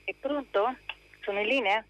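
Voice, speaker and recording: A woman calling in to a talk radio show over a phone line, speaking hesitantly and pausing often with fillers. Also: on the high side, a bit bright, slight background noise. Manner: hesitant, searching for words with many fillers. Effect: heard over a phone line. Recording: dull, narrow phone line.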